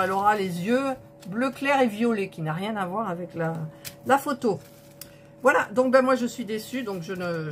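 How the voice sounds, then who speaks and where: A woman's voice: medium pitch, slight background noise. A woman vlogger unboxing a diamond painting kit, indignant and disappointed, counting colour numbers aloud to her viewers. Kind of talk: unboxing vlog, talking to viewers.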